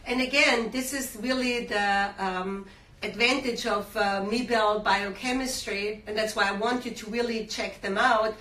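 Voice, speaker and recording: A woman's voice: medium pitch, fairly even intonation, unhurried, bright, forceful tone. A woman hosting a live shopping-show interview, talking with lots of fillers and enthusiastic sales talk. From Austria. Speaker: skincare brand host. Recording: roomy, distant mic, faint hum.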